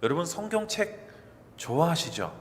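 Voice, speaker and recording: Animated male pastor preaching in a reverberant hall. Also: a little high, normal speed. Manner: lively, acts out quoted dialogue, asks the congregation questions. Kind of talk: sermon. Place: church sanctuary. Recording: long hall reverb, faint ambient noise.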